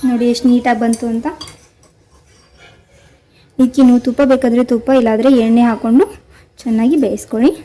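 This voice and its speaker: A woman hosting a cooking channel, calmly talking viewers through a recipe step by step. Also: on the high side, fairly quick, pauses often, low-quality recording. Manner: calm step-by-step instructing, addresses viewers directly. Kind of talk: cooking demonstration voice-over.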